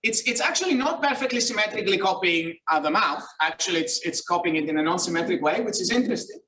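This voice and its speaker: Delivering a casual keynote lecture at a conference, a Greek-accented researcher from Greece talks fast with frequent fillers, restarts and self-corrections, in a self-deprecating way. His voice sits high, expressive and sharp-toned, recorded with roomy, distant hall sound.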